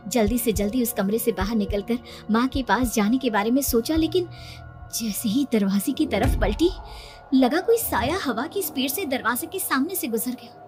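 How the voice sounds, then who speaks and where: High-voiced woman narrating a spooky tale. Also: normal speed, over music. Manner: tense, suspenseful storytelling. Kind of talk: dramatic first-person story narration.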